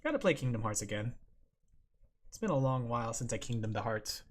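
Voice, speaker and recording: In a casual drawing livestream, a vtuber with a medium-pitched, sing-song voice talks fairly quickly. Giggly and playful, this streamer keeps up a chat with viewers.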